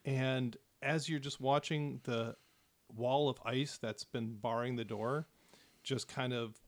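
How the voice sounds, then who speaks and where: A man narrating a tabletop game as game master, in a relaxed, descriptive way with casual fillers. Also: mid-range voice, slow pace.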